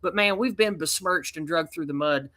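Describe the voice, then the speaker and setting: A man's voice: on the high side, moderate pace, sharp tone. A man from East Tennessee with a mountain twang, talking in a folksy, rambling way as a guest on a casual podcast chat. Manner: folksy, rambling, with colloquial slang.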